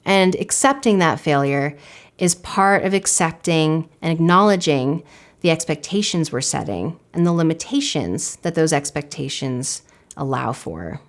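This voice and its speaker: Woman, climbing coach, course narration, low-ish voice, animated intonation. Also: a little slow.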